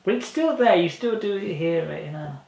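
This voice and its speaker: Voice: mid-range voice, expressive, moderate pace, creaky, a little mellow. A fan film cast member chatting casually about the shoot, rambling and laughing often. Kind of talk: casual behind-the-scenes chat. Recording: echoey room with faint noise.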